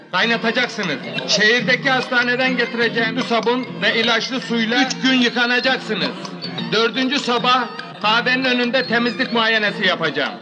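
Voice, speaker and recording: A man playing an earnest village doctor in a film comedy, folksy and emphatic in his speech. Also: extremely high pitch. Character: earnest, plain-spoken male village doctor.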